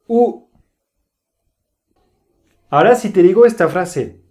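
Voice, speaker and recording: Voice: mid-range voice, darkish tone. A teacher giving an online language lesson, speaking carefully and modeling pronunciation for the viewer to repeat. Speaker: French teacher.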